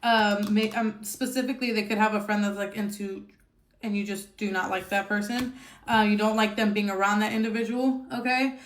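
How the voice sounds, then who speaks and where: A woman's voice: mid-range voice, steady tone, brisk, roomy sound, a little hiss or hum. A woman giving a casual tarot reading, chatty and blunt, who swears freely and keeps checking in with "okay?". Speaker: tarot reader.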